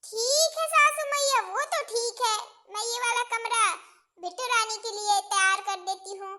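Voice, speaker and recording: A woman's voice: extremely high pitch, fairly even intonation, normal speed, bright, forceful tone. Woman voicing a put-upon cartoon daughter-in-law. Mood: polite. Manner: polite to her face, muttering complaints aside. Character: put-upon young daughter-in-law, dutiful but grumbling.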